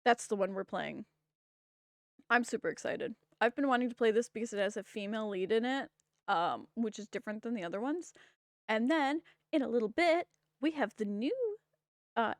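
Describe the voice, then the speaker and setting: A woman's voice: fairly high pitch, animated, a little fast, no room sound, clean studio sound. A woman game streamer wrapping up her stream, bubbly, enthusiastic and rambling at a desk mic. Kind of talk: casual stream wrap-up chat.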